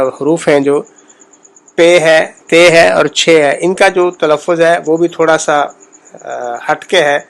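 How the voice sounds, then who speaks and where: A man giving a spoken lesson on pronunciation, explaining in a measured way, repeating sounds and pausing often. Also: a little high. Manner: measured, explains slowly with repetitions and pauses. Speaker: language teacher.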